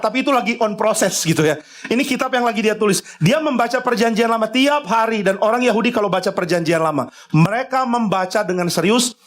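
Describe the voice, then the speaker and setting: A male pastor preaching a sermon, conversational and emphatic, acting out little dialogues with the congregation. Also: high voice. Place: church.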